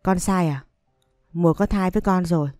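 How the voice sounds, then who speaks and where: A woman's voice: on the low side, normal speed, a little mellow, no echo, faint music behind, lightly acted. A woman voicing a stubborn, heartbroken young man who confronts his mother and his old love in a read-aloud story. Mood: pleading.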